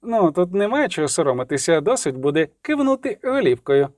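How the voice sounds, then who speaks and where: A man's voice: sits high, big pitch swings, a little fast, a little mellow, no echo, clean studio sound, voice pushed up. A man voicing a leering young male bandit who taunts and sneers in a Ukrainian audiobook. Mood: mocking.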